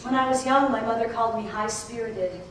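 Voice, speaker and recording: A woman's voice: on the high side, a little fast, slight background noise, natural voice. An actress playing a wry, sardonic middle-aged mother in therapy, with dry self-mocking wit, singing and speaking on a theater stage. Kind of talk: stage musical acting and singing. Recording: distant echoey theater bootleg, live band.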